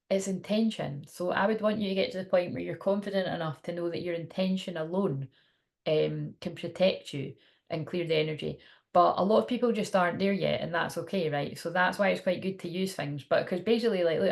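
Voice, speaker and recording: A woman's voice: on the low side, vocal fry, darkish tone. A woman chatting casually to camera as a spiritual teacher, in a rambling, informal way.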